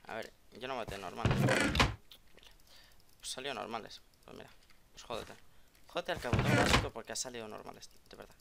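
A man giving live, excitable game commentary as a gaming video creator, joking and trash-talking opponents, recorded over loud background noise and keyboard clicks. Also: lowish voice, fairly quick, creaky, long pauses. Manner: excitable, jokey trash talk aimed at opponents.

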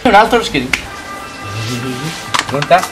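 A man's voice: sits high, sing-song, slow, music in the background. A teenage young man chatting casually and teasingly as a guest on a vlog, recorded outdoors on a camera mic. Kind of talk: casual challenge vlog chat. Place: small outdoor paved courtyard by a wall.

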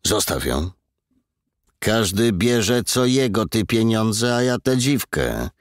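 A man's voice: lowish voice, sing-song, slow pace, no echo, clean studio sound, pitched above the performer's own voice. A man voicing a brutal, menacing male bandit leader who gives commands and threats in a cold, businesslike way.

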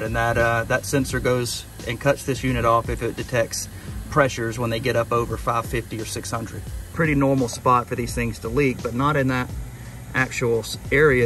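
An HVAC technician talks through a repair outdoors at an air conditioning unit, casual and plain-spoken, with fillers. His voice is medium-pitched, and the background is noisy.

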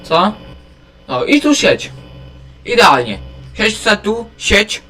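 A man doing let's play commentary, excitable, often yelling at characters in the game. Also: high-pitched, slow, soft background music. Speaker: gamer.

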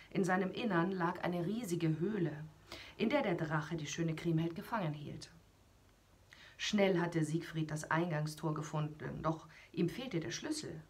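Very breathy woman reading a children's story. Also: on the low side. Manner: animated, whispery, with asides to children. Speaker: radio host reading aloud.

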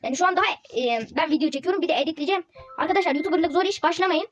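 A woman gameplay YouTuber, giving loud, excitable commentary over a football game and repeating her shouts. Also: extremely high pitch, very fast, lo-fi sound, a little hiss or hum.

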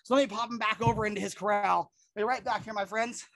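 A woman's voice: mid-range voice, steady tone, quick pace, dry recording. A middle-aged woman presenting animals outdoors in a yard, talking casually and enthusiastically with surfer-like slang for an educational reptile show.

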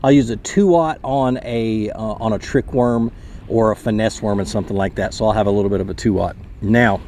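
A man in his thirties, host of a fishing channel, gives a brisk, casual outdoor tutorial from a kayak on a lake to a camera mounted close in front. His voice is on the low side and a little mellow, chatty and explanatory with frequent restarts, over a little hiss or hum.

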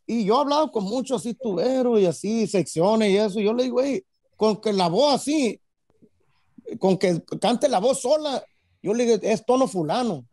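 A man's voice: high voice, expressive, moderate pace, dark tone, no echo, clean studio sound. A man with a Mexican accent talking casually as a musician guest, rambling with lots of fillers and tag questions. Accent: Mexican Spanish. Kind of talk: casual interview chat.

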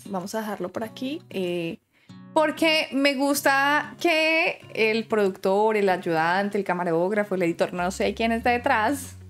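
A young Colombian woman with a Santander accent giving chatty, expressive reaction commentary and laughing often. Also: mid-range voice, measured pace, soft background music. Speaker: YouTube reaction host.

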